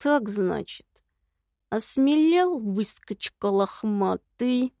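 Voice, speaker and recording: A woman voicing a creaky ancient villain. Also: a little high, lively intonation, mellow, no echo, clean studio sound. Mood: menacing. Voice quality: creaky, raspy. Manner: slow, grumbling, menacing drawl. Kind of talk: audiobook character reading.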